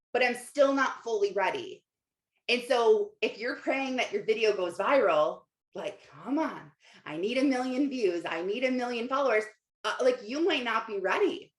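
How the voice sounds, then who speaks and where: This casual livestream coach has a fairly high-pitched voice and reads out her viewers' comments while giving motivational talk. Her delivery is informal and conversational, with emphatic rhetorical questions and repetition, recorded with a roomy, echoey sound.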